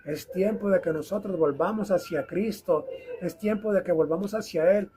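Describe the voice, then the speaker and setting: A man's voice: sits high, normal speed, warm tone, slight background noise. A man preaching a recorded video sermon, fervently exhorting his listeners and repeating phrases for emphasis.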